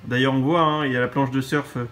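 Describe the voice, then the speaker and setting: A man's voice: medium pitch, steady tone, fast talker, fairly bright tone, soft background music. A man co-hosting a toy set review in casual chat, often repeating his own phrases.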